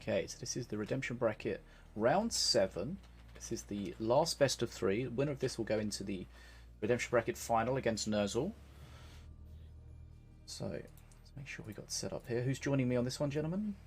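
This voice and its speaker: A man's voice: mid-range voice, expressive, fairly quick, soft background music. A man hosting a live esports tournament, running the schedule and teasing his co-casters with dry humor. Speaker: tournament host.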